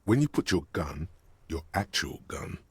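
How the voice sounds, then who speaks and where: An actor playing a detective's smug, needling inner voice that also narrates a game. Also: male voice, very deep voice, animated, unhurried, breathy edge, dry recording, full character voice. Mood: sardonic. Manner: sardonic, needling.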